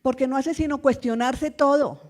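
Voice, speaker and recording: A woman pastor with a Colombian Spanish accent, preaching a sermon in church, full of rhetorical questions and swinging between loud emphasis and soft, low passages. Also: fairly even intonation, moderate pace.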